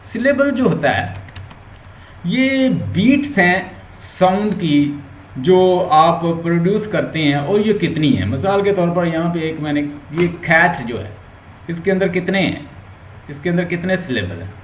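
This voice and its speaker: A man's voice: sits high, lively intonation, a little slow. Man teaching phonetics in an echoey room. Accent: Pakistani Urdu. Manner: explains step by step, mixes English terms into Urdu. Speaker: linguistics teacher. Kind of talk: online lecture. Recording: roomy echo, faint background hum.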